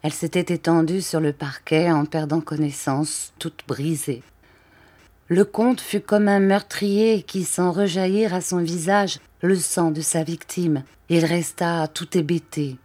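Expressive woman reading a classic novel. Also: lowish voice, a little slow. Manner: expressive literary narration. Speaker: narrator.

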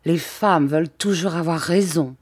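A woman's voice: deep voice, moderate pace, darkish tone, husky, dry recording. A woman reading the lines of a gloomy, bitter middle-aged count who talks in a curt, sour, self-justifying way.

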